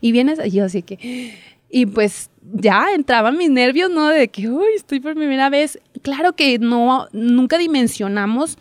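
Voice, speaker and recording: A young woman, telling her story as a guest in a casual interview, chatty and quick to laugh. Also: fairly high pitch, lively intonation, no echo. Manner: chatty storyteller, laughs often, acts out quotes. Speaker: guest, TV reporter.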